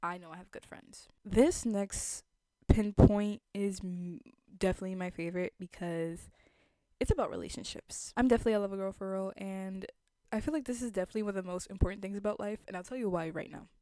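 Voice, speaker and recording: A young woman with a relaxed, mellow tone and a slight lisp talks casually to her viewers. She is earnest and reflective, like someone thinking aloud, and the recording is dry with little room sound. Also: medium pitch, fairly quick, no room sound. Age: young adult. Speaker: vlogger.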